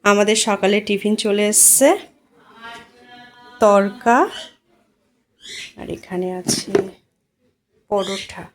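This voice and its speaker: Casual home vlogger: woman with an average-pitched voice, talking informally to her audience. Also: steady tone, slow pace, long pauses. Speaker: family vlog host. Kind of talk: casual chat to viewers. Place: inside a family home.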